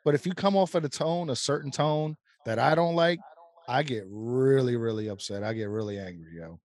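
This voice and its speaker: A man co-hosting a podcast in casual chat, relaxed and conversational. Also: mid-range voice, moderate pace. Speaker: podcast co-host.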